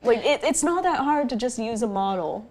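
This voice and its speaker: A woman's voice: on the high side, lively intonation, brisk, darkish tone. A young woman co-hosting a casual film review, opinionated and nitpicky, often restarting her sentences. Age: young adult. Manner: opinionated, nitpicky, self-interrupting.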